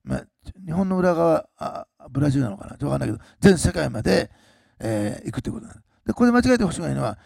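Gravelly, animated pastor preaching a sermon. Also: male voice, rapid-fire, dry recording, clean studio sound. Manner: animated, swings between loud emphasis and low asides.

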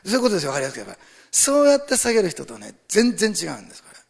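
An older man preaching a sermon as pastor, chatting with the congregation and swinging between near-whispers and loud, rising exhortation. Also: high voice, huge pitch swings, rapid-fire, gravelly, husky. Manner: talks to the congregation with questions and asides. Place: church sanctuary. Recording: long hall reverb.

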